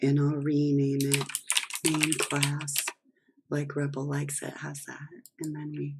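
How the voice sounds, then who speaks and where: Heavy background noise surrounds this slow, completely flat walkthrough. A programming instructor with a hoarse, failing mid-range voice explains a screen-recorded coding lesson one step at a time.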